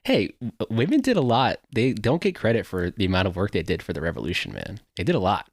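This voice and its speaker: A man's voice: on the low side, big pitch swings, fast talker, husky. A man appearing as a guest on a film podcast, chatting in a laid-back, joking way. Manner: laid-back, joking, laughs between words. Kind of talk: casual podcast chat about a film.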